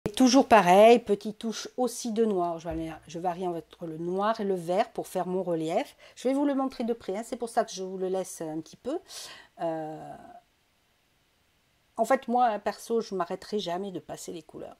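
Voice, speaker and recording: A woman's voice: medium pitch, normal speed, darkish tone. A woman hosting a coloring tutorial, talking casually step by step with many fillers and self-corrections into a desk mic. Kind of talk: casual step-by-step craft demonstration.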